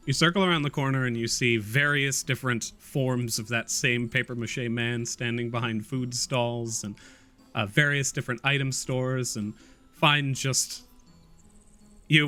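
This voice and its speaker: Male game master, relaxed descriptive narration, bright clear tone. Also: medium pitch, moderate pace, soft background music.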